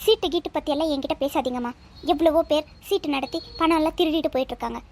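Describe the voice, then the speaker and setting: Brief: high, lecturing cartoon son, voiced by a woman, exasperated with his mother. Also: racing, a little mellow. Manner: lecturing, nagging. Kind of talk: cartoon voice acting.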